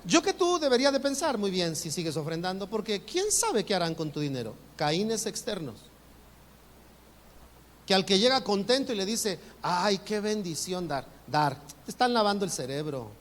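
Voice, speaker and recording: Man, pastor, sermon, animated, high voice, long hall reverb. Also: moderate pace, slight background noise. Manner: animated, acts out congregants' voices with rising pitch. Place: church sanctuary. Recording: reverberant church hall, faint ambience.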